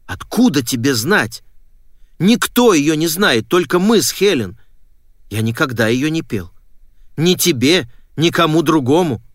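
A man voicing a stern father who barks and shouts in agitation. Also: medium pitch, animated, moderate pace, no echo, studio quality, close to an everyday voice. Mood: agitated. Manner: barking, shouting.

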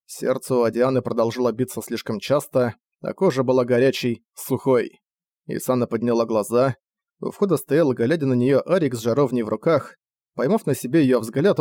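Man reading an audiobook, measured. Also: mid-range voice, mellow, no room sound. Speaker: audiobook narrator. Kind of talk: scripted narration.

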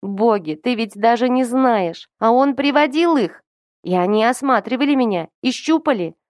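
A woman voicing a desperate teenage girl who pleads and breaks into shrill cries. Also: normal speed, a little mellow, no echo, clean studio sound, close to an everyday voice.

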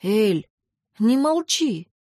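A woman puts on a young man in an audiobook who talks to his upset best friend. His voice is hushed and soothing. The recording is dry and close. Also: a little high, very animated, extremely slow, no echo, heavily acted. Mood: concerned. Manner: hushed, then soft and reassuring.

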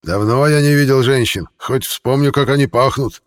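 A man voicing a hoarse, sly, reclusive rancher who mocks and threatens his visitors. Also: medium pitch, normal speed, big-room sound, pitched above the performer's own voice, lightly acted. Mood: sly, threatening. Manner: mocking, drawling, menacing.

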